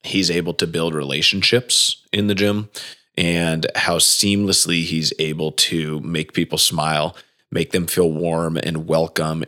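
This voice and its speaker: A man in his late thirties with a very deep voice hosts a podcast. He talks in an upbeat, rambling way, full of "you know" and restarts. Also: sharp tone. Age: 30s. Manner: enthusiastic, loose with frequent fillers. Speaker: podcast host. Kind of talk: casual podcast chat.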